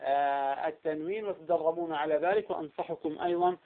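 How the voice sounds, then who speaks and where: Guy with a high voice teaching recitation rules, repeats examples slow, sounds like a phone line. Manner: repeats each example slowly, asks rhetorical questions. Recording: tinny phone-like audio.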